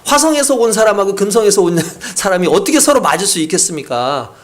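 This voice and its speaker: A man's voice: high-pitched, very animated, fast talker. A man preaching a sermon as a pastor, telling a story in a chatty way with acted quotes and laughter. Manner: conversational, many fillers.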